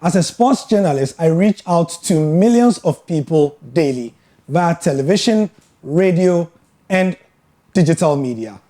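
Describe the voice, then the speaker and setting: A Ghanaian sports broadcaster giving a scripted educational talk, telling his story in a measured, earnest way with emphatic pauses. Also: on the high side, animated, warm tone. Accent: Ghanaian English.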